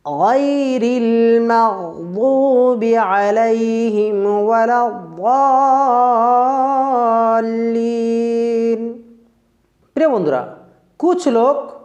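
A Quran recitation teacher giving a tajweed pronunciation lesson, explaining slowly and drawing out recited words to demonstrate them. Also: high-pitched, darkish tone. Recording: roomy, dull lo-fi recording.

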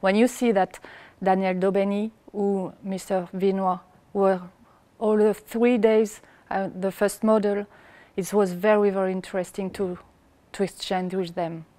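A French woman speaks English with a noticeable French accent in a warm, mellow tone. Her pitch is mid-range and her phrasing halts now and then. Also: level tone. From France. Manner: halting non-native English. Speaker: course participant. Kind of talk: testimonial interview.

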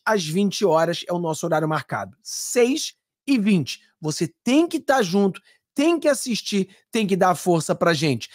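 A woman's voice: medium pitch, no echo, clean studio sound. A woman with a Brazilian Portuguese accent hosting a political commentary vlog, sarcastic, mocking and emphatic.

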